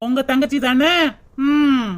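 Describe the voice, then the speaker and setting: A woman voicing a crafty, sharp-tongued young wife with a Tirunelveli Tamil accent in a cartoon. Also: high-pitched, fairly even intonation, takes it slowly.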